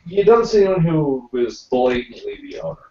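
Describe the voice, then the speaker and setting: A man's voice: a little high, sing-song, moderate pace, a little mellow. A man narrating a tabletop game as dungeon master, thinking aloud with many fillers. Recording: roomy, distant, dull amateur recording.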